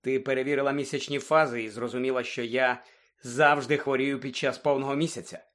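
A man voicing a calm, weary adult male teacher who speaks quietly and with restraint in an audiobook. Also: mid-range voice, a little fast, natural voice. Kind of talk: audiobook character voice.

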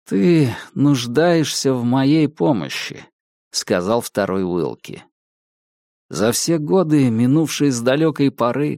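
An audiobook narrator, male, reads a gothic story in a measured, somber, dramatic way. His voice sits at medium pitch and is a little mellow. The scripted narration has clean studio sound with no room echo.

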